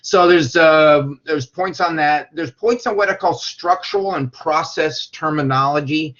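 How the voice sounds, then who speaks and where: Fairly high-pitched and a bit slow, this male teacher's voice has a fairly bright tone as he wanders through his classroom lecture, repeating himself often. He keeps asking whether the students follow. The sound is muffled, lo-fi classroom audio.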